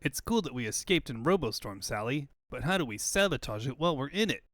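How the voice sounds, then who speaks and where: A man's voice: mid-range voice, very animated, a little fast, a bit bright, no room sound. A man voicing a cocky, brave young hedgehog hero with breezy slang in a comic book fandub. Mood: determined. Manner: breezy surfer-style slang.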